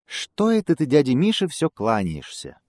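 A cheeky little squirrel, put on by a man, squeaks and teases. The voice jumps far above the reader's own, bright and thin. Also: wildly swooping pitch, normal speed, dry recording, studio quality. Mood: teasing. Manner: squeaking, teasing.

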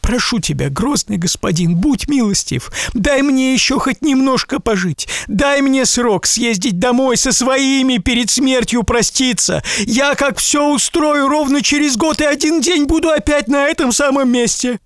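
A man voicing a frightened rich merchant who begs for his life in a high, wailing voice. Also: slow, pushed and bright, no room sound, clean studio sound, full character voice. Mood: pleading. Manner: high-pitched, begging and wailing. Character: terrified pleading rich male merchant.

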